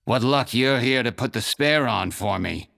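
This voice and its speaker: A man voicing a feisty, gruff female goblin mechanic in a storybook reading, with a snappish, defiant manner. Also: medium pitch, moderate pace, fairly bright tone. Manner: snappish and defiant, turning to frightened pleading.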